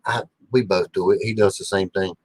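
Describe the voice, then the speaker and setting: A man's voice: low voice, steady tone, a little fast, crowd noise, rough recording. A man co-hosting a casual farm livestream, bantering in an offhand way. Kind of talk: casual chat.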